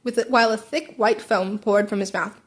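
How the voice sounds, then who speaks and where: This amateur fan fiction narrator has a medium-pitched voice with fairly even intonation and a brisk delivery. Reading a story aloud in a home recording with background noise, she now and then stumbles and rereads words.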